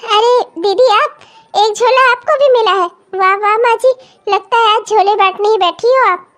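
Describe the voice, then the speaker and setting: A jealous young cartoon daughter-in-law with a sharp tongue. She sounds sarcastic and whiny, in a piercing, very high voice. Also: normal speed. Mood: mocking. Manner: sarcastic, complaining, falsely sweet. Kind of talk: cartoon comedy voice acting.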